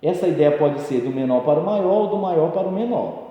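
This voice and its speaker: A man's voice: fairly high pitch, animated, brisk, warm tone. A man giving an exam-prep grammar lesson, explaining each term through examples and leaning on fillers like "então" and "né". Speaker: teacher. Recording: echoey room with long reverb.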